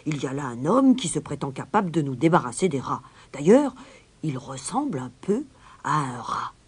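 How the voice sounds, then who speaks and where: A woman voicing a pompous, scheming male town mayor in a storybook reading, with loud, blustering speech. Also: low voice, big pitch swings, moderate pace, slightly rough, exaggerated voice.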